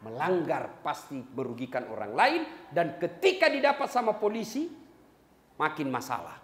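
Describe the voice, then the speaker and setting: Animated male preacher in an echoey hall. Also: a little high, normal speed. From Indonesia. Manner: animated, jokes with the crowd, breaks into song. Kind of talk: lively sermon to a congregation. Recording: echoey hall with long reverb.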